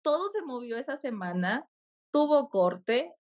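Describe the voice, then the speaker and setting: Female podcast guest, slightly high voice, animated storyteller, laughs easily. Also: measured pace. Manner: animated, laughs often while telling a story. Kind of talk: casual storytelling conversation.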